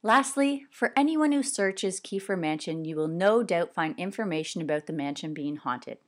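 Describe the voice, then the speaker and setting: A woman from Canada who hosts a podcast, reading her narration in a measured way from a script. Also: lowish voice, animated. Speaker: podcast host. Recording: narration with music underneath.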